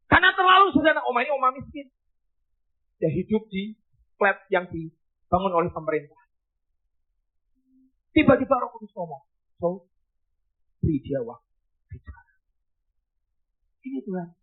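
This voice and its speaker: A man preaching a sermon as pastor, telling a story with shouted bursts and hushed drops. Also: high-pitched, a little slow, pauses often, breathy edge. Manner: animated, shouting bursts then dropping to hushed. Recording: tinny phone-like sound.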